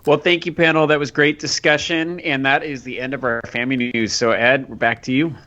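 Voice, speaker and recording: A man's voice: mid-range voice, fairly even intonation, a little fast, bright, forceful tone, dull audio. A man co-hosting a podcast in a casual discussion style. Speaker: podcast co-host.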